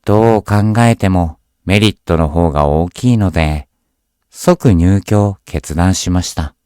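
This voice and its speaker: Man, ghost story narrator, deep voice, slow deliberate pacing, dry close sound, scripted reading. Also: darkish tone, clean tone, no echo. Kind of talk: scripted horror story narration, read aloud.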